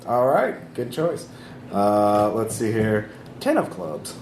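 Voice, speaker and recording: A man with a very animated voice runs a tabletop game as game master. He narrates casually and jokes with profanity, recorded in a roomy space with clear background noise. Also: fairly low pitch, slow pace. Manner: profane, jokey.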